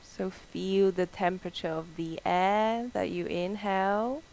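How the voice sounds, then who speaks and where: A woman leading a yoga class, gently guiding the breath in a slow and soothing way, with soft pauses. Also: medium pitch, fairly even intonation, low-quality recording. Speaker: yoga instructor. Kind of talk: guided breathing and meditation class.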